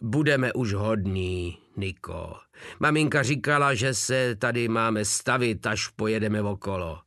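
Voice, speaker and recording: A man's voice: on the low side, a bit bright, no room sound, clean studio sound. A man voicing a brash, crude, rowdy soldier who mocks and swaggers, with coarse speech. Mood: defiant.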